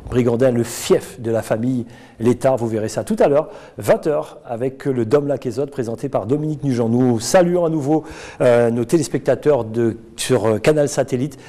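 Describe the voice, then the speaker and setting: A man hosting a live TV studio interview, talking in a relaxed, friendly way with frequent fillers. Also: medium pitch, normal speed. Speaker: TV news host.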